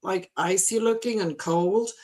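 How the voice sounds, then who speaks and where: A woman's voice: mid-range voice, measured pace, mellow. A woman artist talking about her cover art in a casual live-stream chat, rambling and emotional, often laughing.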